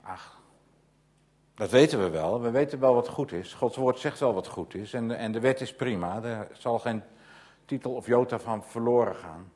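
A man with a medium-pitched voice preaches at a moderate pace. He asks rhetorical questions and repeats phrases with mounting insistence, building into loud, emphatic passages.

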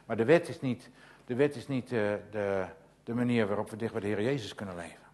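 A man's voice: fairly low pitch, a little fast. Man preaching with insistent repetition. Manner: rhetorical questions and insistent repetition, swelling to loud emphatic passages. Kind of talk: sermon.

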